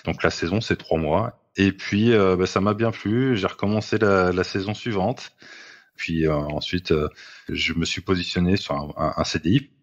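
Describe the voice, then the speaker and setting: A man's voice: deep voice, normal speed. A man in his thirties giving a testimony about his work, hesitant and full of fillers. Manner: hesitant, many fillers and restarts. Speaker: assistance worker interviewee. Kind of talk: recorded testimony. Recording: dull lo-fi sound.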